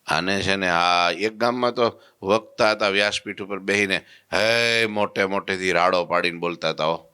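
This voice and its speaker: A man delivers a folksy storytelling sermon. His voice sits very low yet sounds bright and crisply resonant, and he tells his tales with lively animation. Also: normal speed. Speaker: preacher giving a religious discourse.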